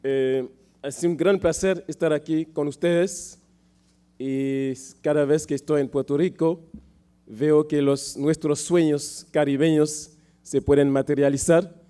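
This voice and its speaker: A man giving a political speech as a panel speaker, with a sore throat he often clears and measured, halting phrasing. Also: on the high side, fairly even intonation, dark tone.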